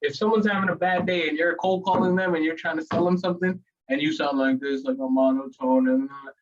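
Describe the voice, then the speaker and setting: A chatty man from New York talks shop about phone sales, laughing easily as he goes. His voice sits a little high and comes from a distance through a dull, lo-fi mic. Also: quick pace. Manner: laughs often, animated and talkative. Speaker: real estate agent co-host. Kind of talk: casual training chat.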